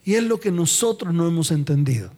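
High-voiced Colombian preacher in a reverberant hall. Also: male voice, lively intonation, brisk, warm tone. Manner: quizzes the congregation with repeated questions; theatrical and jokey storytelling. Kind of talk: sermon. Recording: long reverb of a large hall.

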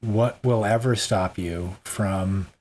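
A man's voice: on the low side, slow, a little mellow, slight background noise. Joking man in a rambling podcast chat. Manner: jokey, rambling, laughs often. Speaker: podcast co-host. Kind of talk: casual conversational chat.

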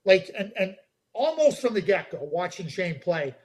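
A man with a fairly high voice talks through hockey prospects on a podcast. He is emphatic and animated, stacking repeated words as he drives his points home. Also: normal speed. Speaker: hockey draft analyst. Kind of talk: podcast chat.

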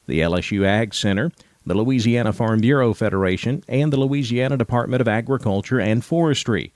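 A man's voice: medium pitch, a little mellow, no room sound. Male American news anchor, mid-range, formal scripted headline read, dry booth.

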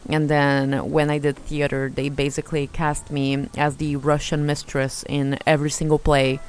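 A young Brazilian vlogger speaks in a low, flat, slightly mellow voice at a moderate pace, with slight background noise. Her native language is Portuguese, and her Brazilian accent carries traces of Eastern European sounds. She tells chaotic, self-mocking stories in a casual monologue, laughing often.

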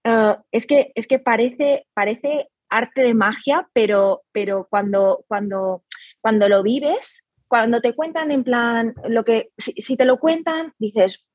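A woman's voice: fairly high pitch, slow pace, no echo. A woman, the owner of a pilates studio, talking reflectively in a casual interview, with many hesitations and restarts.

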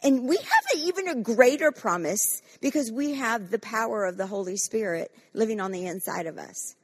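A woman's voice: medium pitch, animated, normal speed, breathy edge. A woman pastor preaching a fervent sermon and leading corporate prayer, acting out quoted voices with frequent restarts.

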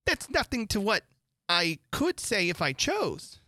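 A reader voicing a fussy old duchess who moralizes about everything, in a high sing-song way. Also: huge pitch swings, unhurried, bright, forceful tone, no room sound, studio quality, full character voice. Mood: preachy. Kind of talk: audiobook character voice.

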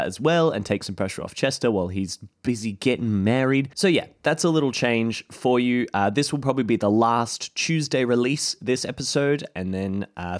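A podcast host introduces an archive episode, rambling informally to listeners and frequently correcting himself. His medium-pitched voice comes through clean, with studio sound and no echo.

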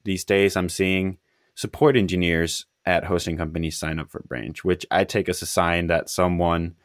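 A man with a low voice talks casually in a close, dry recording. He sounds tired and hesitant, pausing and restarting as he thinks aloud. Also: level tone, no echo. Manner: hesitant, halting, trailing off. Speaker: software founder on a podcast. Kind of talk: casual conversational talk.

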